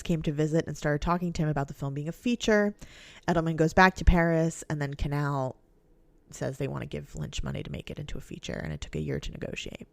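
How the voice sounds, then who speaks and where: Low-voiced woman reading film notes. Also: gravelly, no room sound. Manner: reads passages aloud then chats loosely with fillers and swearing. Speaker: podcast co-host. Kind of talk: casual podcast chat and reading notes.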